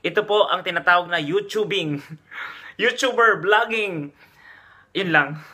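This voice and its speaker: A chatty man from the Philippines, talking straight to his viewers in a casual vlog. His voice sits high and sounds very bright and forceful, and he keeps checking in with a quick "okay?". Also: breathy edge. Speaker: vlogger giving job tips. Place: Dubai.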